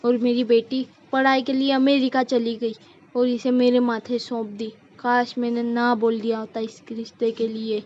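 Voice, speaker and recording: A woman voicing a bossy, scolding middle-aged mother-in-law in a cartoon, with a sharp, commanding way of talking. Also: fairly high pitch, a little hiss or hum, lightly acted. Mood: grumbling. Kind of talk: cartoon voice acting. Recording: dull lo-fi recording.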